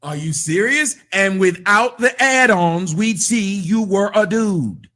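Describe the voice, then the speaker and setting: A man's voice: sits high, takes it slowly, sharp tone. A man in his forties, a radio show host, arguing hard and talking over the other person. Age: 40s. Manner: pushy, argumentative, talks over the other speaker. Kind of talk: heated on-air argument.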